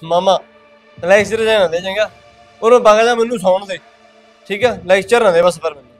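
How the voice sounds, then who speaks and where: Guy acting as a drunk addict, sleepy and dismissive, kinda high voice. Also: a little fast, soft background music, close to an everyday voice. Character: drunk addicted young husband.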